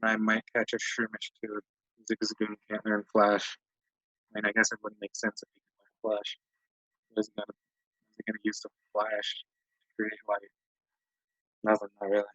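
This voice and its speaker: A man's voice: fairly low pitch, monotone, normal speed, long pauses, pushed and bright, dry recording. A man giving rambling, self-mocking casual commentary while playing a video game. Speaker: let's play commentator. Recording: dull lo-fi dry mic.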